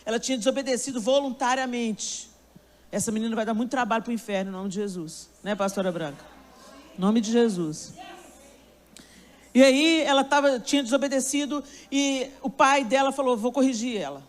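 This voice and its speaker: A woman's voice: on the high side, steady tone, normal speed. A woman preacher delivering a sermon, telling a story with emphasis and speaking straight to her listeners.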